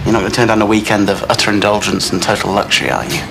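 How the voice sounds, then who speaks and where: Smooth-talking soap man, noisy room. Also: on the low side, steady tone, very fast. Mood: persuasive, charming. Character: smooth, coaxing man having a bad day, wooing a woman. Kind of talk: naturalistic TV soap acting. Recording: noisy TV drama soundtrack with room ambience.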